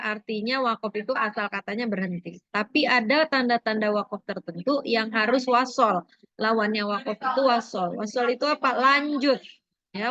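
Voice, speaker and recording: A woman's voice: on the high side, pushed and bright, lo-fi sound. A woman teacher going over a lesson with her class, asking questions and prompting students for answers. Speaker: religious studies teacher.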